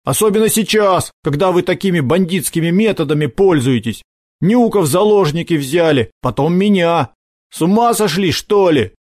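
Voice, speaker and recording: A man's voice: sits high, lively intonation, normal speed, darkish tone, no room sound, clean studio sound, pitched above the performer's own voice. A man voicing a stubborn, earnest teenage boy who speaks firmly and indignantly in an audiobook. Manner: firm, indignant.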